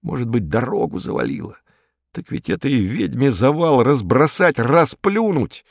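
A man voicing a frightened, superstitious male gangster informer who talks in a jumpy, rambling, pleading way, in a high, strained voice with a gravelly edge. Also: sing-song, unhurried, no echo, clean studio sound, heavily acted. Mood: sullen.

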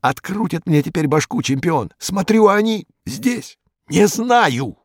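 A man voicing a frightened, superstitious male gangster informer who talks in a jumpy, rambling, pleading way, in a high, strained voice with a gravelly edge. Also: very animated, unhurried, dry recording, clean studio sound, full character voice. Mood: sullen.

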